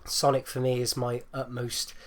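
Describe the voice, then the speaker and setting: A man's voice: medium pitch, monotone, moderate pace. A man with a rattly, congested chest from flu, giving casual, rambling gameplay commentary with hesitant repetitions. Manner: hesitant, rambling, repeats himself. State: phlegmy, getting over flu. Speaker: gaming video host.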